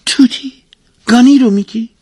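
A man's voice: fairly low pitch, very animated, slightly rough, no room sound, clean studio sound, exaggerated voice. A man voicing a hot-tempered, suspicious merchant's wife in a storybook reading, in a raised, scolding voice. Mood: angry.

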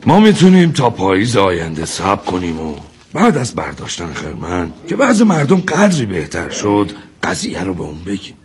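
An actor playing a solicitous, persuasive village man in a drama, with a rough, husky voice. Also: low-pitched, wildly swooping pitch, heavily acted. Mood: grave.

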